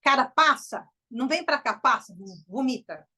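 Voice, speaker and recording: A middle-aged woman with a Brazilian Portuguese accent giving an informal, animated lecture to a group. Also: high voice, moderate pace, slightly rough. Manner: lively, animated, acts out quoted voices. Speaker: enneagram presenter.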